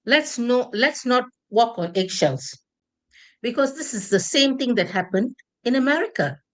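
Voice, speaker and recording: A woman's voice: a little high, lively intonation, unhurried. A woman hosting a podcast in conversational chat, encouraging and reacting to her guest. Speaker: podcast host.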